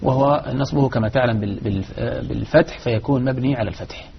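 A man teaching Arabic grammar in a live lesson, explaining in a measured way with frequent restarts. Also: mid-range voice, vocal fry, slight background noise. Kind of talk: live lesson answering questions. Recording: dull lo-fi recording.

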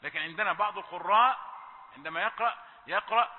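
A man teaching Quran recitation, correcting pronunciation and chanting verses slowly to demonstrate. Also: high-pitched. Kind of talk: recitation lesson. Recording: tinny phone-like, long hall reverb.

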